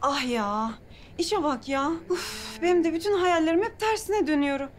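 A woman's voice: sits high, animated, moderate pace, soft background music. An actress playing a flustered, chatty young village woman who speaks in a TV comedy. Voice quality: rambling, folksy. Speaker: village bride Kamuran. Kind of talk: TV comedy acting.

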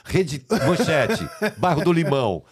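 Animated man telling a wild backstage story. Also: slow, husky. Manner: animated, profane, shifts into shrill quoted voices. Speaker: podcast guest, music producer. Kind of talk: casual storytelling.

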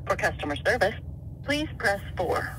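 A woman's recorded phone menu message, reading options in a measured announcing voice over the line. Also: medium pitch, sing-song. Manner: measured, evenly paced announcing. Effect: recorded phone menu message heard over the line. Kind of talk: scripted phone menu prompts. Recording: loud noisy phone line.

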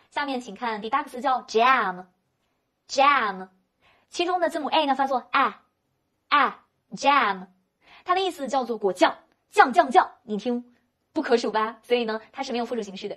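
In a high-pitched, fairly bright voice, a woman runs a vocabulary lesson covering English words and their pronunciation. Her model pronunciations are slow and drawn out, and she asks the learner rhetorical questions she then answers.

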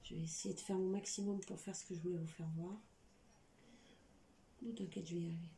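A woman's voice: lowish voice, steady tone, a little fast, dark tone. A woman with a slight lisp on her s sounds, chatting informally through a hands-on craft tutorial as its host. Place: indoor room at a craft table. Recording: echoey room, faint background noise.

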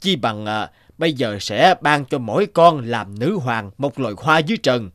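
An actor playing an old, doting heavenly emperor in a cartoon fairy tale, stately and indulgent. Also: male voice, mid-range voice, animated, normal speed, a bit bright, no echo, lightly acted. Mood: pleased, benevolent.

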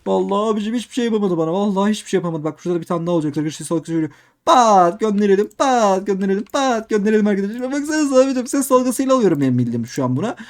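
A young man doing excitable game commentary, repeating himself and talking straight to his viewers. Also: high-pitched, rapid-fire. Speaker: gaming youtuber. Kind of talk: let's play commentary.

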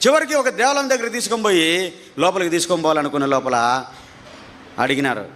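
A man preaching his testimony as a story, animated, his pitch climbing at tense moments, repeating phrases for emphasis. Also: fairly quick.

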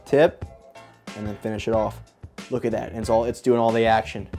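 A man's voice: on the low side, little pitch movement, normal speed, over music. A man hosting a casual cooking vlog in his apartment kitchen, chatty and joking, swearing freely. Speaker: cooking show host.

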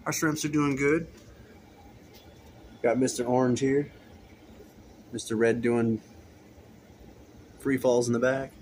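Taking it slowly and pausing often, an aquarium vlogger talks in a flat, slightly mellow, medium-pitched voice while walking his indoor fish room full of tank rows. He rambles easily, filming on a handheld phone, with slight background noise.

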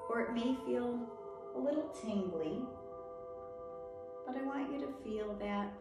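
Slow, echoey woman guiding soft meditation. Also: mid-range voice. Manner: soft, soothing, gentle delivery with long pauses. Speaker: meditation guide. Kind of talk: guided relaxation meditation. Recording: very echoey, with music behind. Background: music.

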